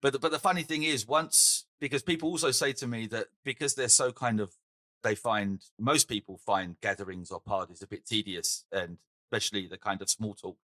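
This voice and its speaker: A middle-aged man from England chats casually as a podcast co-host. His voice is bright and forward, and he talks in an animated way. The sound is dry and close. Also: fairly low pitch, a little fast, no room sound. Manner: animated, swears and laughs easily. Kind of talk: casual chat.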